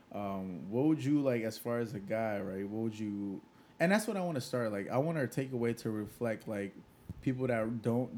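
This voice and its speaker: A man's voice: lowish voice, warm tone, slight background noise. A young man co-hosting a casual chat, rambling and often checking that he is understood. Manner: rambling, repeats "like" and "you know what I mean". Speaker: podcast co-host.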